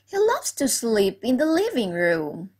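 A woman's voice: fairly high pitch, wildly swooping pitch, measured pace, a little mellow, slightly rough. A woman teacher telling a story to young children, asking the class questions, repeating key words and praising their answers. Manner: praising, encouraging.

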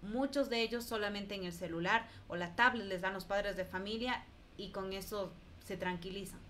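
A woman's voice: medium pitch, moderate pace, fairly bright tone, slight background noise. Woman host asking questions. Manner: conversational, asks questions. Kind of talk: interview questions.

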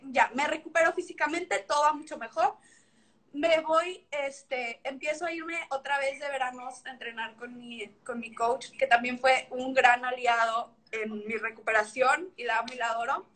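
Bright, high-voiced Mexican woman. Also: measured pace. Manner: animated storytelling, acts out remembered dialogue. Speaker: guest, former figure skater. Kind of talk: casual video chat. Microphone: video call.

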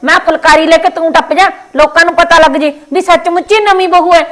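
A woman's voice: very high voice, fairly even intonation, fairly bright tone. A Punjabi-accented woman in a scripted family quarrel sketch, scolding and nagging. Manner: scolding, nagging, rapid-fire.

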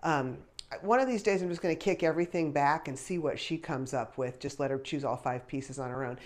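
A woman in her fifties with a low voice and a fairly quick pace, slightly stuffy from congestion, chats casually while unboxing and trying on clothes. This fashion try-on vlogger thinks aloud with small laughs, recorded on a clip-on lapel mic in a small pink bedroom.

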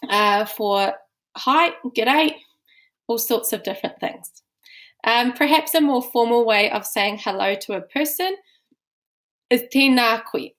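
Woman, New Zealand accent, course teacher, patient step-by-step explaining, slightly high voice. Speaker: language teacher. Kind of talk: recorded course lesson.

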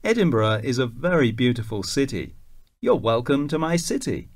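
A man reading a self-introduction for a listening exercise, spelling out his name clearly. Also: mid-range voice, very animated. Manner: slow, clearly enunciated, spells out names. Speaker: exam recording reader.

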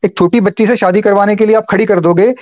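A man's voice: high-pitched, steady tone, quick pace, a little mellow, no echo, dull audio. A man in a heated online debate, insistent, arguing point by point and cutting in. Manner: insistent, interrupts, argues point by point.

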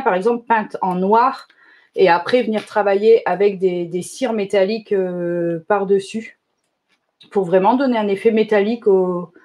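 A woman running a live shop presentation, chatty and enthusiastic, often filling pauses with little interjections. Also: mid-range voice, mellow. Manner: chatty, enthusiastic, fills pauses with "hop" and "euh". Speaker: shop owner presenting new products. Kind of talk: live product demonstration.

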